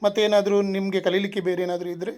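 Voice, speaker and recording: A man teaching a language lesson, reciting each verb form twice in a steady rhythmic drill, then plainly explaining his course. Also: sits high, rapid-fire.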